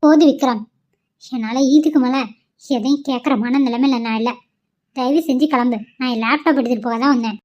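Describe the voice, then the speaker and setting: A woman voicing a young married woman who is fed up, brisk and exasperated in a cartoon. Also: high voice, lightly acted. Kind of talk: amateur cartoon voice acting. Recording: dull lo-fi audio.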